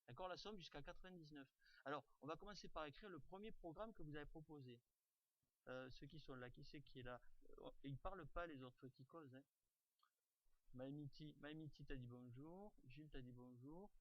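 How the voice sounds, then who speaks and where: A man teaches an online class through a computer mic on a video call, speaking informally with many fillers and restarts. His voice is slightly high, slightly fast and a little bright, with lo-fi sound.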